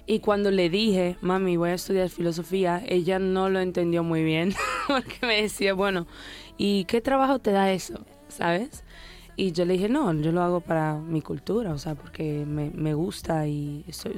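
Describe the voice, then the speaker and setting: A woman's voice: on the low side, normal speed, darkish tone, soft background music. A woman in her twenties from the Dominican Republic, raised in Italy, chatting casually as a singer in an interview, laughing often and sometimes searching for words. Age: 20s.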